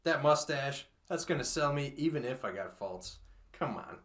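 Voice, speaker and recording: A man chats casually as a podcast panelist. His pitch moves around a lot, and the room echoes around his voice. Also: expressive, moderate pace, a bit bright. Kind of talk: casual chat.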